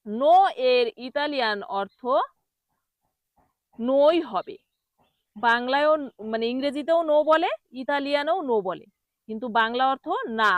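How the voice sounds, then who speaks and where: A woman teaching pronunciation, repeating each word slowly and quizzing the listener. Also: sits high, dry recording. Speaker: language teacher. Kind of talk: pronunciation lesson.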